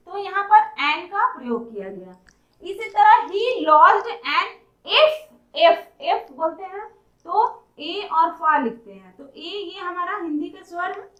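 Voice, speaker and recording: A woman's voice: very high-pitched, sharp tone. A woman teaching an English grammar lesson, patiently sounding out and repeating each example word. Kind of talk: classroom-style lesson explaining articles. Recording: echoey room.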